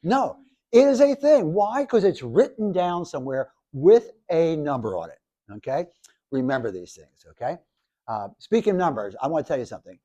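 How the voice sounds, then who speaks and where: A man in his seventies, a professor giving a lively, jokey classroom lecture to students, with many restarts. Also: fairly high pitch, normal speed. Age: 70s. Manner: animated, jokey, talks to the audience, restarts often. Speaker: professor and speaker.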